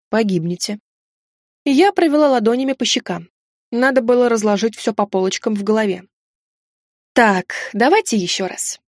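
A woman narrating a first-person fantasy audiobook with a wry, lively inner monologue. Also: fairly high pitch, no room sound, studio quality.

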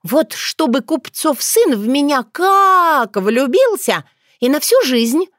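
A brash, quarrelsome young village girl from an audiobook fairy tale, as a woman narrator puts her on. Her voice is pushed high and loud, with wide, jumpy swings and a shrill, indignant edge. The sound is close and dry. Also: sing-song, takes it slowly, dry recording, full character voice. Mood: coy.

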